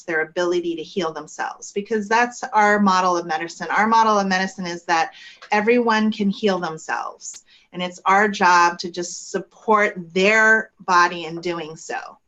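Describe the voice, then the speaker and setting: A woman naturopathic physician explaining her field in a measured way with frequent ums, speaking from her office. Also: fairly low pitch, fairly bright tone, highs cut off. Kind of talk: explanatory interview talk.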